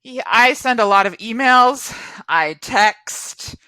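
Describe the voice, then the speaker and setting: A woman teacher talks as an interview guest in a bright, forceful voice, with plenty of "um" and "like" as she goes. The recording is dry and close, with no room sound. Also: a little high, lively intonation, slow pace, clear, resonant tone, no echo. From United States. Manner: chatty, lots of fillers like "um" and "like". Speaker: guest, virtual high school English teacher. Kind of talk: casual interview chat.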